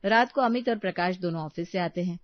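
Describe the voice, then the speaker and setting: A woman narrating a scripted storybook tale in a steady, plain manner. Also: lowish voice, a little fast, no room sound. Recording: dry, slightly dull recording.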